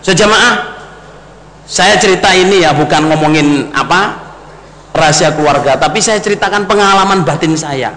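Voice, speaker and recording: Bright-voiced preacher man. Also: a little high, moderate pace. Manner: addresses the congregation as brothers and sisters, mixes in Javanese. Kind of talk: storytelling sermon. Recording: long hall reverb, faint noise.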